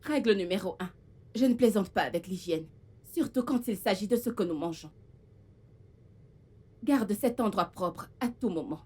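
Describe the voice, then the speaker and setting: A woman's voice: medium pitch, lively intonation, normal speed, pauses often, dark tone, husky. A woman dubbing a film role: a haughty, vain young woman who bosses her new housemaid around. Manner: haughty, commanding, scolding. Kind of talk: dubbed film acting.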